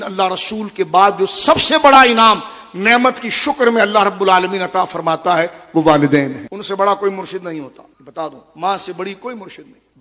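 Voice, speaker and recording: A male preacher giving a sermon, telling a story with feeling and swinging between loud and hushed delivery, recorded in a large hall. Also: high voice. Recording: long hall reverb.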